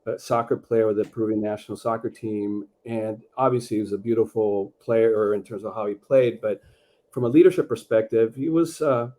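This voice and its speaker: A middle-aged man from Peru, a guest author talking in a measured, reflective way with many fillers over a video call. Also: lowish voice, dark tone. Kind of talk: conversational interview.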